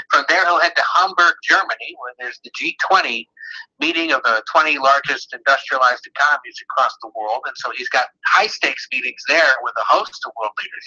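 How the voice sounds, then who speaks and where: Bright-voiced man over the phone. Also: mid-range voice, breathy edge. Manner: measured, explanatory, with frequent filler pauses. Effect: heard over the phone. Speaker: politics reporter. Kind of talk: phone interview. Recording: muffled phone line.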